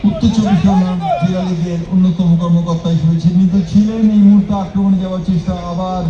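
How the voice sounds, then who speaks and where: A man giving excitable, urgent live play-by-play football commentary outdoors. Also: high voice, fast talker. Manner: excitable, urgent, calling out chances and goals. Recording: distant echoey outdoor PA, dull, crowd and music. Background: crowd and music.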